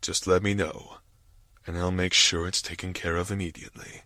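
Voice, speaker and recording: A man's voice: deep voice, flat delivery, moderate pace, bright, forceful tone, no room sound. A man voicing a confident, suave pony guard captain with a drawling, authoritative manner in a fan fiction reading. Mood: courtly, suave.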